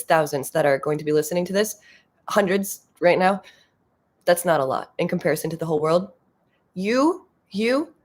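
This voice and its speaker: A woman talking casually as a spiritual coach, acting out inner voices and swearing here and there. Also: lowish voice.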